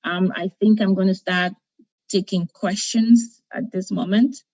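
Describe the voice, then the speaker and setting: An encouraging woman from Cameroon, not a native English speaker, speaks at a middle pitch on a video call. She keeps repeating her points and checking in with "okay?". The audio is dull and lo-fi. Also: fairly even intonation, unhurried, background noise. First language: not English; French second language. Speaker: conference speaker. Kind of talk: motivational talk on a video call.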